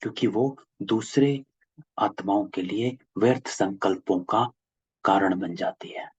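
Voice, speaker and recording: A man's voice: lowish voice, a little slow, a little mellow, dry recording. A man leading a spiritual class, patiently explaining a discourse and repeating key phrases over a video call. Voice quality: gravelly, husky. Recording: dull lo-fi call audio, dry.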